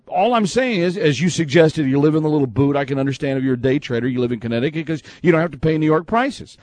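Man hosting call-in sports talk; opinionated, ribbing the caller, higher-pitched delivery, close and dry. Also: a little mellow, no echo. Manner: emphatic, teasing, opinionated. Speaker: sports radio host.

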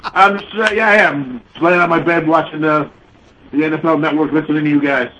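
A man's voice: fairly high pitch, fairly even intonation, pushed and bright. Man from Connecticut calling from bed, muffled like under blankets, hissy phone line, filler-heavy casual talk. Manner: casual, halting, with many "uh" and "you know" fillers. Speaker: caller. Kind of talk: casual call-in chat. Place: lying on his bed at home. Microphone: cordless phone held far from its base.

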